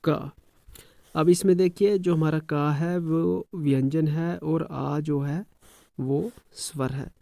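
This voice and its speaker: Slow, measured male teacher, mellow voice. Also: on the high side, creaky, no room sound, studio quality. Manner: repeats phrases, frequent "thik hai" check-ins; sounds out letters slowly one by one. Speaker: school teacher. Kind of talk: classroom lesson explanation.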